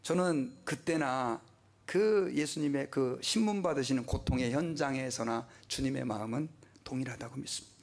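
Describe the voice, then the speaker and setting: A man's voice: mid-range voice, normal speed. A male pastor preaching a sermon with passion, asking the congregation questions and dropping to a whisper at times. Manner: impassioned, asks the congregation questions, drops to a whisper.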